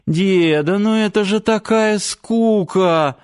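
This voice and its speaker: A man's voice: fairly high pitch, big pitch swings, normal speed, voice pushed up. A man reading an audiobook, voicing a defiant, fiery teenage girl with a raised, pouty voice. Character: stubborn fiery teenage girl, red-haired.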